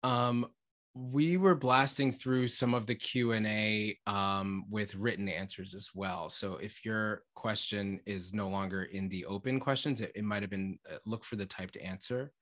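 A man's voice: fairly low pitch, a little slow, a bit bright. A man on a video call as a panelist in an online discussion, thinking aloud with frequent fillers and restarts.

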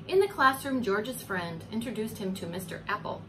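Sing-song and medium-pitched, a woman in her forties reads a children's story at normal speed as a preschool teacher might. She's highly animated, elongating words and turning to her little audience with coaxing questions. Background noise is clear in this home recording.

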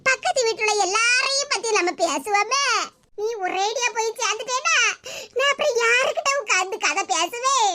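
A woman's voice: very high voice, expressive, moderate pace, noisy background. A woman voicing a weepy, gossiping old woman who laments her friend's condition, speaking with a Tirunelveli Tamil accent in a chatty manner. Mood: lamenting.

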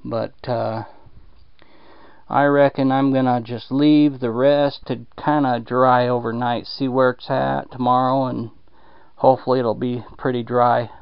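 Flat and measured, a man's gravelly but smooth mid-range voice rambles through a home repair walkthrough in a damp basement, drawling with plenty of fillers. He films on a handheld camera, and the dry recording has dull, lo-fi audio.

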